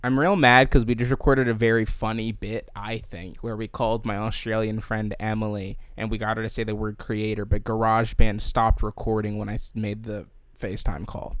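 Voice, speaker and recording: A man's voice: on the low side, level tone, brisk, hardly any pauses, fairly bright tone, smooth, no echo. A man co-hosting a podcast, telling a story in casual chat with a rambling, joking, self-deprecating manner. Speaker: podcast co-host.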